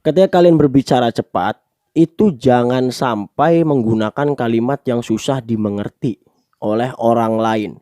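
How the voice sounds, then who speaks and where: A man's voice: mid-range voice, normal speed, dark tone, no room sound, clean studio sound. A man giving a casual spoken tutorial on public speaking, chatty and full of tag questions.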